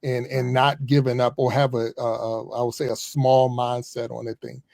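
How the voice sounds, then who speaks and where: A man in his fifties, a former pastor, talking casually as a podcast guest, chatty and relaxed with frequent chuckles. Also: mid-range voice, moderate pace, gravelly, no room sound, clean studio sound. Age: 50s. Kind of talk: casual conversational interview.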